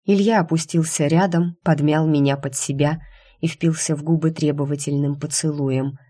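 A woman's voice: deep voice, fairly even intonation, moderate pace, warm tone. A woman narrating a first-person romance novel as an audiobook, in an intimate, confiding tone.

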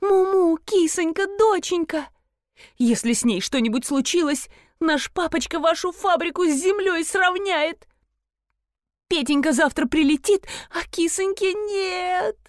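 A woman voicing a shrill, hysterical pampered lady. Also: expressive, normal speed, few pauses, darkish tone, no room sound, clean studio sound. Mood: wailing. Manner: shrill, wailing, overwrought. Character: hysterical pampered woman doting on her pet.

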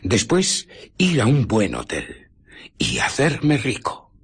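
A man with a Castilian Spanish accent playing an arrogant, amoral scientist who justifies himself in a radio drama, in a theatrical, deliberate storytelling manner. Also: medium pitch, wildly swooping pitch, creaky, husky, full character voice. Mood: boastful. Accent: Spain.

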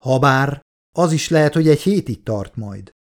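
Man voicing a gruff expedition chief, shouted curt orders, audiobook. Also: medium pitch, animated, lightly acted. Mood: urgent. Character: gruff male expedition boss barking orders. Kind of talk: audiobook character voice.

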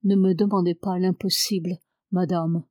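A woman's voice: fairly low pitch, flat delivery, normal speed, darkish tone, no room sound, clean studio sound, natural voice. A woman reading the lines of a cold, terse male English lord who is a seer.

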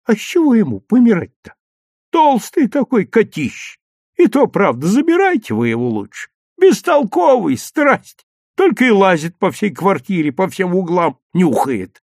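A man's voice: sits high, sing-song, unhurried, darkish tone, no room sound, studio quality, voice pushed up, full character voice. A man reading a story aloud, voicing a fussy old village grandmother who scolds and grumbles. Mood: grumbling. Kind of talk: audiobook reading.

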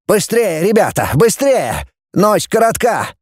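A man playing a brisk commanding leader. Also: high-pitched, big pitch swings, no echo, studio quality, voice pushed up, exaggerated voice. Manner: brisk, urging orders. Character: commanding male group leader.

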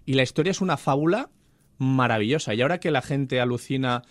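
A man's voice: mid-range voice, fast, no room sound. Enthusiastic man telling film stories. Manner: enthusiastic storyteller. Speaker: podcast co-host. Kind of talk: casual chat about films.

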